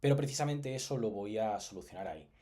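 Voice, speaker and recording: A man's voice: on the low side, lively intonation, fast talker, dark tone. A man with a Spain Spanish accent giving a casual online language lesson, chatty and jokey, often checking in with the listeners. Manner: chatty, jokey and digressive, with frequent "¿vale?" check-ins. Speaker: Japanese teacher.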